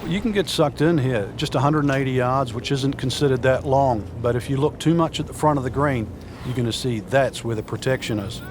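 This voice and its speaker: A man's voice: mid-range voice, fairly quick, close to an everyday voice. A man acting as a golf commentator and analyst, explaining holes and shots in a conversational way. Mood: explanatory. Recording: noisy outdoor crowd ambience behind. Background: crowd, outdoor noise.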